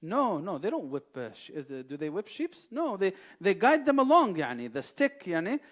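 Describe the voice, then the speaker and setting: A high-pitched man preaching to a congregation. He is animated, dropping to soft, low asides and then rising to loud, emphatic lines. He recites scripture in quick bursts. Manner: animated, swings between quiet and loud, recites verses quickly. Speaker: imam giving a religious talk. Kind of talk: sermon.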